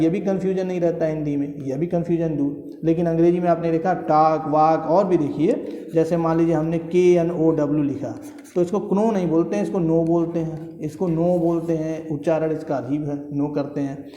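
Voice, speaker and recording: A man teaching an exam-prep grammar lesson, explaining step by step, repeating key phrases and often asking his listeners whether it is clear. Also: on the high side, warm tone. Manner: explains step by step with frequent checking questions. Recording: echoey room with long reverb.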